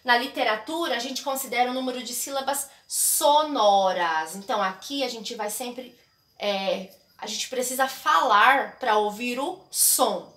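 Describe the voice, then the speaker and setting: A woman's voice: fairly high pitch, a little slow, a bit bright. A woman teacher with a Brazilian Portuguese accent explaining a literature lesson and often checking in with her students. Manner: explanatory, checks in with frequent tags. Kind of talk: recorded classroom lesson. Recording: echoey room.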